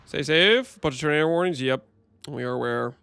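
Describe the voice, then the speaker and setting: A man's voice: a little high, brisk, creaky, bright, forceful tone, smooth, dry recording. A man on a livestream headset mic, chatting and joking as he thinks aloud through gameplay commentary.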